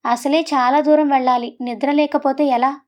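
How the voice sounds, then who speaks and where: Woman voicing a brisk bossy matriarch. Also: sits high, fairly even intonation, a little mellow, lightly acted.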